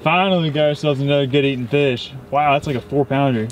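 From a small boat on a lake after dark, a young man narrates his fishing vlog in a casual, chatty, upbeat way while showing what he caught. He talks fast, with a medium-pitched, steady voice; slight background noise and clearly audible music accompany him.

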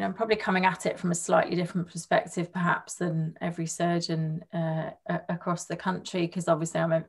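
A woman's voice: on the low side, vocal fry. A woman surgeon answering hesitantly on a webinar panel over a video call. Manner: hesitant, many restarts and fillers.

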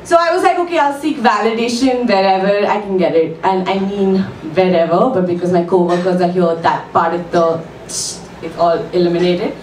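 An Indian woman in her thirties performs a self-deprecating stand-up set at an open mic on a small club stage, with ums and little laughs. Her medium-pitched, slightly mellow voice, at normal speed with few pauses, comes from a stand mic filmed from across an echoey room, with slight background noise.

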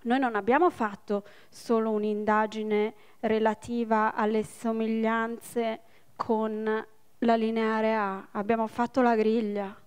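A woman in her forties gives a public lecture in a library hall. Her voice sits fairly high, and she explains things step by step with quick, lively asides to the people listening. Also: smooth. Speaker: linguist giving a public talk. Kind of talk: public lecture with audience questions.

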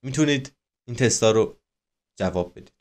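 A man hosting a reaction video in casual commentary, bragging jokingly about how smart he is and teasing himself, with sudden excited outbursts. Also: mid-range voice, background noise. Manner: mock-boastful, joking and self-teasing.

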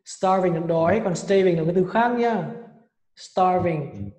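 A man teaching English vocabulary and correcting a student's pronunciation in a brisk, prompting way. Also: sits high, a little mellow. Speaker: English tutor. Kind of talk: vocabulary lesson with drills. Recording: echoey room with long reverb.

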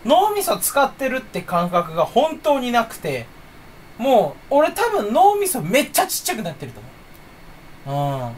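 A man's voice: very high voice, huge pitch swings, moderate pace. Young guy muttering to himself at his desk, jokes about his own bad memory, voice jumps around a lot, faint hum behind. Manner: rambling, self-mocking, mumbles to himself. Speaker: streamer. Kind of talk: casual solo chat while browsing online.

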